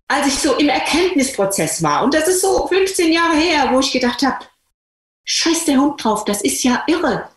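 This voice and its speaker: A woman, a doctor, telling patient stories to an audience in a lively, colloquial, emphatic way. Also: a little high, reverberant. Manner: colloquial, emphatic, addresses listeners directly. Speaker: doctor and speaker. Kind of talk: lively storytelling talk to an audience.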